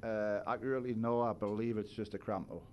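A man's voice: fairly low pitch, fairly even intonation, fast, muffled recording, a little hiss or hum. A man in his forties, a head coach, giving thoughtful postgame answers at a press conference, seated at a table with a microphone. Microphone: table microphone on a stand.

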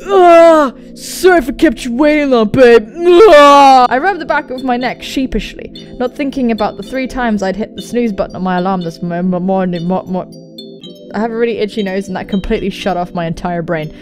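A young adult woman hosts a let's play video, reading a visual novel aloud and dropping sweary, jokey asides. Her voice is medium-pitched and a little mellow, and she talks fast. Music plays in the background.

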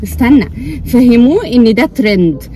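A woman's voice: on the high side, animated, normal speed, mellow. A young woman with an Egyptian accent, playfully mock-offended while bantering with her husband in a car. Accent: Egyptian Arabic. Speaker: vlogger, wife. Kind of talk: prank vlog banter. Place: inside a car.

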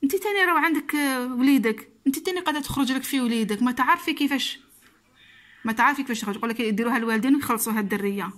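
A woman's voice: sits high, rapid-fire, fairly bright tone. A woman with an Algerian Arabic accent chatting casually to camera in a vlog, repeating phrases for emphasis. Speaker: vlogger.

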